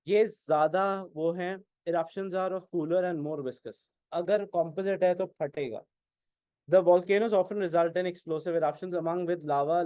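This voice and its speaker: A man with an Indian English accent teaching an exam-prep class, mixing Hindi and English and often asking whether it is clear. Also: fairly high pitch, dark tone, no echo. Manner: keeps asking "is it clear?", questions and answers his own prompts.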